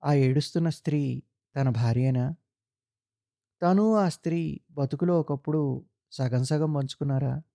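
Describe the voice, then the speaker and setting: Solemn, gravelly male storyteller. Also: on the high side, dark tone, no room sound, studio quality. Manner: measured, solemn narration. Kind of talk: audiobook-style narration of a literary short story.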